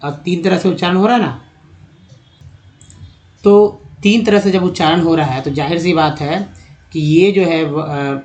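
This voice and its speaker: A man's voice: a little high, unhurried, pauses often, a little mellow. A man giving a spoken lesson on English pronunciation, spelling out letters and repeating words as he explains step by step. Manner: addresses viewers as friends, checks understanding. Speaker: English teacher.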